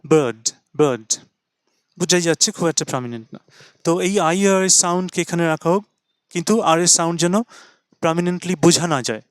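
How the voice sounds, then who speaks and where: A man teaching English pronunciation, mixing explanation with English words, spelling words letter by letter and repeating them slowly. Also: sits high, dry recording, clean studio sound. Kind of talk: slow spoken lesson.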